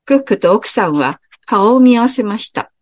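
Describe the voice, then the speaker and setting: Expressive woman reading a storybook. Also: on the high side, moderate pace. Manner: expressive, many character voices.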